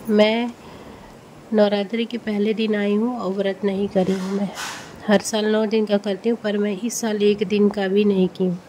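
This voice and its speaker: A woman's voice: mid-range voice, level tone, normal speed, dark tone, slight background noise. A woman, vlogging a train journey in an emotional, repetitive way. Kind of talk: casual travel vlog narration.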